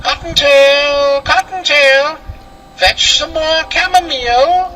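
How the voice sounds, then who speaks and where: A man voicing an old mother rabbit in a storybook, calling out in drawn-out tones. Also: sharp tone, soft background music, exaggerated voice, low-quality recording. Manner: drawn-out, high-pitched calling.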